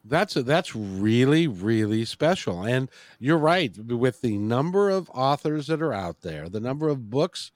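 A man's voice: mid-range voice, sing-song, a little slow, hardly any pauses, no echo. A man hosting a podcast in a casual interview style, informal and encouraging. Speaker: podcast host.

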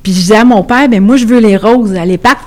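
A woman's voice: a little high, quick pace. Upbeat Québécois businesswoman guest. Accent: Québécois French. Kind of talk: radio interview.

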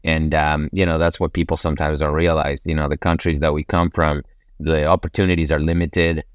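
A man's voice: rumbling low, flat delivery, a little fast, smooth, no echo. A man from Ecuador, a guest on an interview podcast, talking about his life and work in an earnest, upbeat, motivational way. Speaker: podcast guest, real estate investor.

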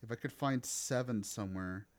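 A man's voice: on the low side, normal speed. A man, co-hosting a podcast in casual chat, teasing, laughing and swearing freely. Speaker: podcast co-host.

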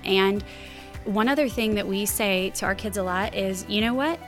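A woman's voice: medium pitch, fairly even intonation, normal speed, fairly bright tone, faint music behind. A woman in her thirties or forties giving casual parenting advice, candid and self-deprecating, laughing at her own habits.

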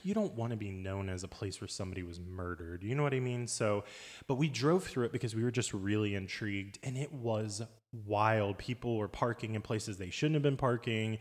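A man's voice: fairly low pitch, fairly quick, long reverb tail. A man co-hosting a podcast, chatting casually and animatedly about a trip and laughing often. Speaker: podcast co-host. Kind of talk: casual travel chat.

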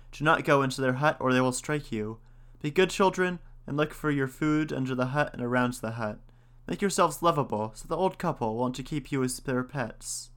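A man voicing a gentle mother hen who speaks tenderly and pleadingly to her chicks in a storybook reading. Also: mid-range voice, clean tone, lightly acted. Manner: tender, pleading, soft-spoken.

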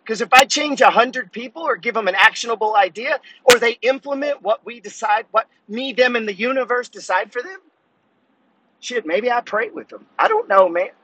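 A man's voice: extremely high pitch, expressive, moderate pace, bright, forceful tone, breathy edge, dry recording, rough recording. Blunt, cursing man in his fifties. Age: 50s. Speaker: podcast host. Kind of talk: profane motivational monologue.

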